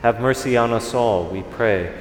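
A male priest recites liturgical prayer solemnly and formally. His voice rings through a large church with cathedral echo and long reverb. There is faint noise behind him. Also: medium pitch. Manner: measured, formal phrasing.

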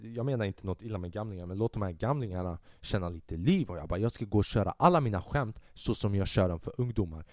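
A man hosting a solo podcast, telling a stand-up story in a casual, profane and animated way and acting out the voices he quotes. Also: lowish voice, no room sound, clean studio sound. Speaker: podcast host and stand-up comedian.

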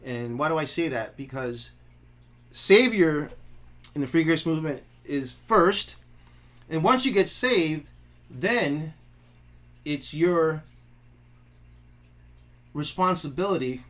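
A man's voice: fairly high pitch, lively intonation, slow, long pauses, a bit bright. A man, a pastor co-hosting a podcast, talking through theology in an earnest, casual way with frequent restarts. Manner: earnest, restarts often, affirms the other.

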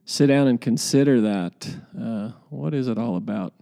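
Mellow, gravelly male podcast host. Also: medium pitch, moderate pace. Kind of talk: casual, rambling podcast talk.

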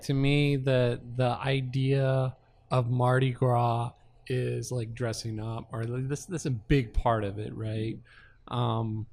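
Man, mid-pitched, reflective co-host, halting delivery. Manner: thoughtful, hesitant, many fillers. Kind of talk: casual panel chat.

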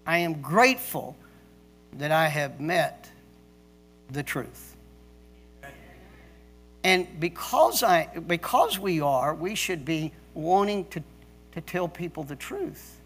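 Slow, emphatic preaching pastor, a man. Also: a little high, very animated, fairly bright tone. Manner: emphatic preaching with pauses and restarts. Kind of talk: sermon.

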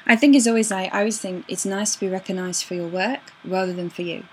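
A woman interviewer talking in a chatty, gushing way that is quick to laugh. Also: mid-range voice, steady tone, a little hiss or hum, rough recording. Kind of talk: casual interview chat.

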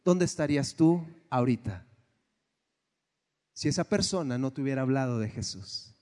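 A man preaching a sermon, swinging from hushed lines to shouts. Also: mid-range voice, lively intonation, moderate pace. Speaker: pastor. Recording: long hall reverb.

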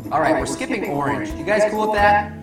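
A man voicing a sensible but easily rattled cartoon pear, casual and a little dramatic, his voice pitched up. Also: fairly quick. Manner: casual, dramatic when storytelling. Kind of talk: cartoon voice acting. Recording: echoey far-off playback over music.

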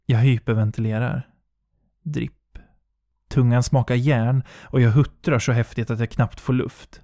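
A man's voice: medium pitch, level tone, mellow, dry recording, clean studio sound. Tense man narrating horror in fragments. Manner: tense, breathless, clipped fragments. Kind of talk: first-person horror audiobook narration.

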